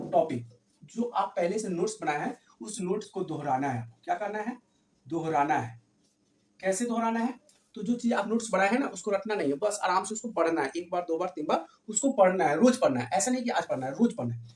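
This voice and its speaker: A man's voice: high-pitched, a little mellow. Male teacher, echoey distant camera sound. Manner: repeats key points as rhetorical questions to students. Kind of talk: classroom-style exam revision lesson. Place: room with camera set back from the speaker. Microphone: distant camera mic. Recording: echoey room, voice from afar.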